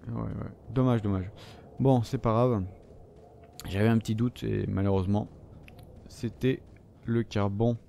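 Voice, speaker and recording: A man's voice: on the low side, fairly even intonation, a little slow, gravelly, pauses often, warm tone. A French man commenting on his own gameplay, swearing and reacting as he plays. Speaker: gamer. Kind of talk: let's play commentary. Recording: noisy background.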